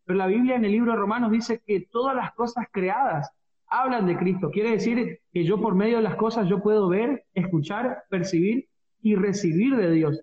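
A man's voice: sits high, moderate pace. A man with a Rioplatense Spanish accent co-hosting a devotional radio talk, preachy and repeating phrases for emphasis. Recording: dull radio audio with roomy echo.

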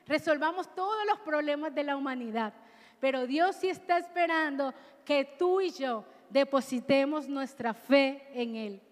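Brief: a woman preacher with a high voice who leads call-and-response with her congregation, heard in a reverberant church hall. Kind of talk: sermon.

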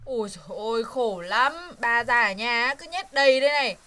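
A woman's voice: fairly high pitch, normal speed. An actress playing a brash young city woman in a TV skit, slangy and dismissive. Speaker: actor in a TV skit. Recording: loud music bed under the skit.

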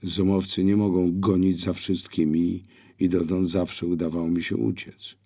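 A man reading an audiobook, voicing a bold young woman who speaks lively and persuasively. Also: low voice, moderate pace. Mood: eager.

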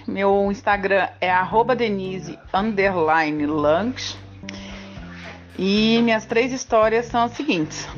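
A woman guest calmly introduces herself on a podcast. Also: medium pitch, highs cut off. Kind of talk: casual self-introduction.

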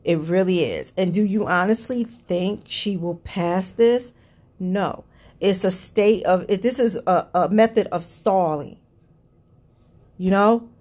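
A woman's voice: mid-range voice, slow pace, a little mellow. A woman hosting her own podcast, ranting bluntly about politics with plenty of swearing and an exasperated manner. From Cleveland area. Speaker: podcast host. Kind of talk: solo political rant podcast.

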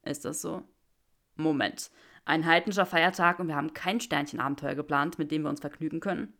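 A woman's voice: sits low, fairly even intonation, fairly bright tone. A woman voicing Draco, a stammering young wizard. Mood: teasing. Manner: halting, stammering. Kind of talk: reading a fan story aloud.

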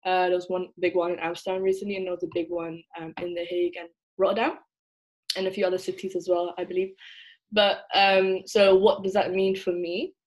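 A woman's voice: on the low side, level tone, brisk, poor audio. Young student woman from england, lots of ums, talking it through on a call. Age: young adult. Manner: thoughtful, many fillers and restarts. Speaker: student guest. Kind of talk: casual conversation.

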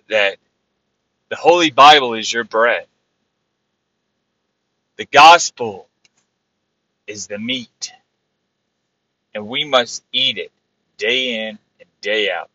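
A man preaching an informal sermon on his own podcast, repeating phrases and rising to loud exclamations. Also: mid-range voice, highs cut off.

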